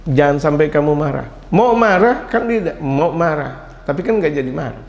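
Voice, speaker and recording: A middle-aged man preaching at a religious study gathering, his voice sitting a bit higher than most men's. He tells stories with lively swings, quoting Arabic and then joking in casual speech. A long reverb hangs in the hall around him. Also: normal speed, gravelly, highs cut off. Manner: animated storytelling, mixing Arabic quotes with casual Indonesian, sudden jumps in pitch. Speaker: Islamic preacher.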